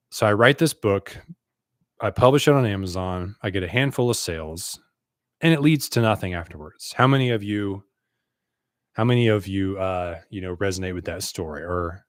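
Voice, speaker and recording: A man's voice: on the low side, no room sound, studio quality. A man in his thirties from the United States, a business coach telling his own story to camera in an earnest, conversational way.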